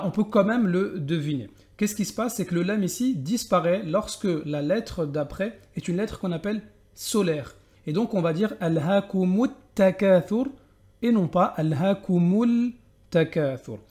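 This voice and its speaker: A man teaching tajwid, explaining step by step and asking and answering his own questions, with slow recitation of verses. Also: high-pitched, a little mellow.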